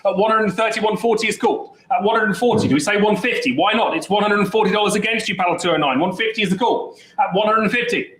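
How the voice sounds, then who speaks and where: High-voiced auctioneer calling bids. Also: male voice, a bit bright, echoey room, low-quality recording. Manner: brisk, chatty bid-calling with jokes. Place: auction saleroom.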